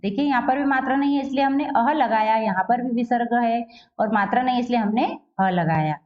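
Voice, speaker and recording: A woman teaching a Sanskrit lesson in Hindi who asks questions and answers them herself, reading the Sanskrit lines slowly and carefully. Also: a little high, a little mellow, dull audio.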